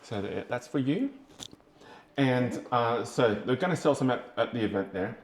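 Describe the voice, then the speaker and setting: A man's voice: medium pitch, lively intonation, moderate pace, noisy background. A man with an Australian accent co-hosting a casual podcast chat, talking in a loose, chatty way with fillers and easy laughter. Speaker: podcast co-host. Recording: echoey room.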